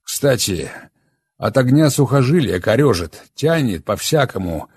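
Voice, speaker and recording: A man's voice: medium pitch, sing-song, a little slow, a little mellow, breathy edge, no echo, voice pushed up. A man voicing a flippant, callous young man joking grimly.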